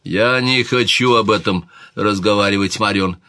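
A man's voice: fairly low pitch, moderate pace, pushed and bright, dry recording, clean studio sound. A man voicing a hot-tempered young king who snaps irritably in an audiobook reading. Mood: sulky. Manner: irritable, curt.

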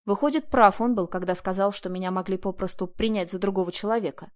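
Woman, audiobook narration, first-person, earnest, tense, medium pitch. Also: fast talker, a little mellow.

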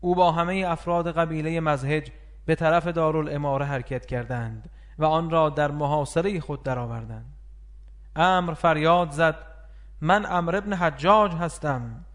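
A man reading an audiobook of a religious history in a measured, grave scripted narration, lifting his voice for shouted quotes. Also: fairly high pitch.

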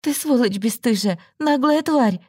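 A woman's voice: fairly high pitch, expressive, measured pace, mellow, slightly rough, no echo, clean studio sound, voice pushed up. A woman voicing a hurt, indignant young woman in an audiobook, raising her voice sharply. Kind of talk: audiobook story reading.

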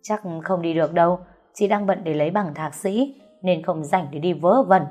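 A woman's voice: fairly low pitch, normal speed, warm tone, lo-fi sound, faint music behind, close to an everyday voice. A woman voicing a haughty young woman of the family who talks in a cold, dismissive way.

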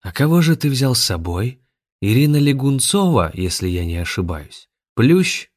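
A man's voice: fairly low pitch, moderate pace, pitched above the performer's own voice, close to an everyday voice. A man voicing a scheming villainous male grandmaster who leads a cult, venomous and commanding.

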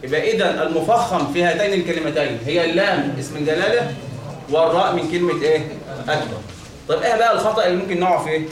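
A man's voice: fairly high pitch, very fast. A man with an Egyptian accent teaching a class on Quran recitation, quizzing his listeners and answering his own questions. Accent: Egyptian Arabic. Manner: quizzing, asks questions and answers them himself. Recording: echoey room from far off.

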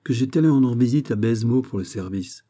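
A man reading the part of a shrewd middle-aged musketeer captain, brisk and forthright, in an audiobook. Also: mid-range voice, dark tone, natural voice. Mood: matter-of-fact.

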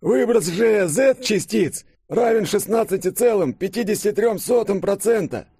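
A man's voice: high voice, animated, unhurried, creaky, warm tone, breathy edge, no echo, studio quality, voice pushed up, exaggerated voice. A man voicing a flustered, stammering old professor reading out figures. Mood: agitated.

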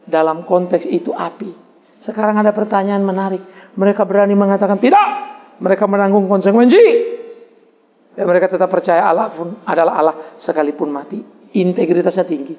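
A man preaching a sermon as a pastor, emphatic, with repeated refrains and sudden leaps in pitch. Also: a little fast, a little mellow, in a large hall.

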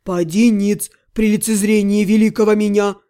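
A woman voicing a furious, capricious male high demon who bellows and shouts at people. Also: moderate pace, lightly acted. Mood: menacing.

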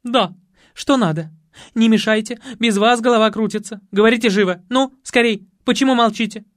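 A man voicing a shrill, bossy middle-aged society lady in an audiobook, scolding and yelling orders. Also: normal speed, dry recording, clean studio sound, natural voice. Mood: frantic. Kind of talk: audiobook character voice.

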